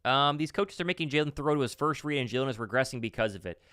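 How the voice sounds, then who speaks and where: A man's voice: medium pitch, quick pace, fairly bright tone, no echo, clean studio sound. A man co-hosting a casual sports talk show, reading out viewer comments and reacting to them. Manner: reads comments aloud, then reacts.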